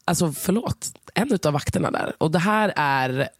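A young woman, telling a story in a casual chat, animated and full of fillers, acting out what others said. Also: low-pitched, dry recording, clean studio sound. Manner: animated, many fillers, acts out quotes. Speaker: podcast co-host.

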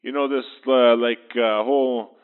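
A man leaving a rambling, halting voicemail over a landline phone, full of fillers. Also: medium pitch, steady tone, smooth. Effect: heard over a landline phone. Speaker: phone-in caller. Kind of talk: voicemail message to a radio show. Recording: tinny phone line.

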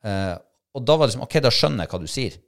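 A middle-aged man, telling a hunting-trial story in a casual chat and acting out his own thoughts and shouts. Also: mid-range voice, lively intonation, vocal fry. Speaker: podcast co-host, hunting dog handler.

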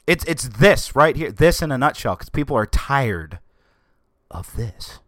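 A man's voice: medium pitch, sing-song, a little slow, a bit bright, no room sound. A man hosting his own podcast, ranting sarcastically and sounding exasperated and very tired. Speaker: podcast host. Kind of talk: solo podcast rant.

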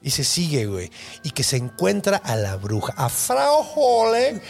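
A man's voice: on the high side, a little slow, gravelly, slightly rough, faint music behind. A young man with a Mexican Spanish accent hosting a podcast, retelling a tale in crude, slangy casual chat and acting out its characters. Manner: slangy, crude, animated retelling with acted-out quotes. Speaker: podcast host.

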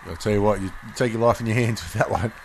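An Australian man talks football casually as a podcast host watching play unfold. His voice sits fairly low, and there is faint ambient noise behind him. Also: fairly even intonation, fast talker, a little mellow. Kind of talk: casual live football commentary chat.

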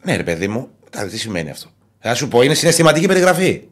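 A man from Greece co-hosting a sports talk show, telling stories in a measured way. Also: mid-range voice, big pitch swings. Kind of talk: casual sports chat.

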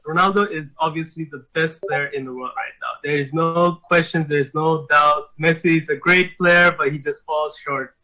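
A man's voice: a little high, steady tone, moderate pace, few pauses, sharp tone, rough recording. A man from Bangladesh phoning a football show, giving firm, emphatic opinions. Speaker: caller. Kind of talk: casual phone-in chat.

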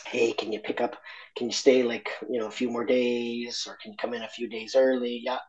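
In a muffled recording, an Argentine interview guest with a mid-range voice and level tone speaks frankly. His delivery is thoughtful yet halting, with many restarts and filler words.

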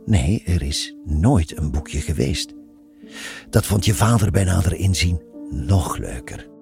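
A man's voice: sits low, lively intonation, slow, creaky, music in the background, heavily acted. A man voicing a playful, patient nun who teases knowingly. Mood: teasing. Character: teasing, patient older nun, woman.

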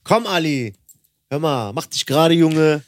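A man's voice: fairly high pitch, lively intonation, a little slow, no room sound, studio quality. A young man hosting a casual chat with friends, talking in a slangy, teasing way.

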